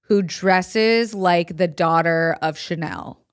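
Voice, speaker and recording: A woman's voice: lowish voice, slow pace, clear, resonant tone. A woman co-hosting a podcast in casual comedic chat, sassy, blunt and irreverent. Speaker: podcast co-host.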